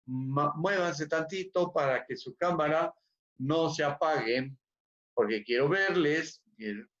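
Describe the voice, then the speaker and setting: A man teaching English over a video call, repeating words and checking on his students. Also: a little high. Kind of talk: online class teaching. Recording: dull echoey room audio.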